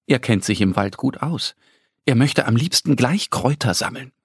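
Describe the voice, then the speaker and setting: A man narrating a children's story in a slow, expressive storytelling manner, recorded close in a studio. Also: mid-range voice, breathy edge, no room sound.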